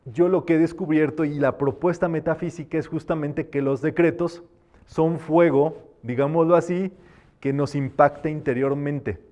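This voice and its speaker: A man's voice: on the high side, steady tone, normal speed, warm tone, dull audio. A man teaching a live metaphysics class, explaining patiently and sometimes demonstrating by chanting affirmations.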